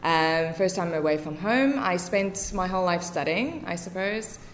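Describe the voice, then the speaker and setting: A young woman with a South African accent, talking easily as a podcast guest. Her voice sits a little low for a woman and fills pauses often. A faint hiss of noise stays behind her. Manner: chatty, many fillers. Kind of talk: casual podcast interview.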